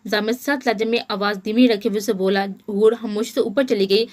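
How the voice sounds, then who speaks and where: A woman narrating a romance novel as an audiobook in a steady, even storytelling manner. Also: medium pitch, fairly quick.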